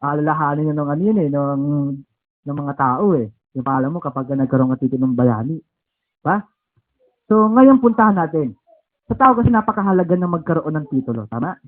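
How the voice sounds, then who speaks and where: High-voiced Filipino preacher, tinny recording. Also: male voice, animated. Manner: keeps asking "okay?" and "di ba?"; spells out and repeats words slowly. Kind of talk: Bible teaching at a home service.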